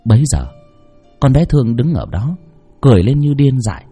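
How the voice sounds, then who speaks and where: Husky-voiced man telling a horror story. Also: lively intonation, fairly quick, mellow, faint music behind. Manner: dramatic, shifting pitch for effect.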